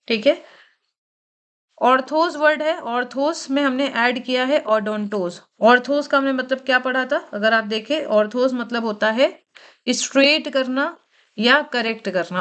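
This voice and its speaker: A woman with a slightly high voice teaching word roots in an exam-prep lecture. She talks in Hindi full of English terms, says each key word twice, and keeps asking questions and answering them herself. The delivery is steady and explanatory. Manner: explains slowly, repeats key words, asks and answers own questions.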